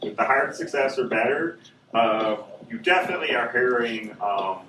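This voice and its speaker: A man's voice: medium pitch, lively intonation, moderate pace. A man acting as game master, describing scenes in a loose, meandering way while narrating a tabletop horror game. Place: convention gaming room. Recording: echoey, distant, noisy convention room.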